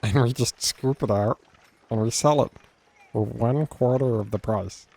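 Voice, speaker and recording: A man narrating a tabletop role-playing game as game master, playful and quick to laugh. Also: mid-range voice, vocal fry, mellow.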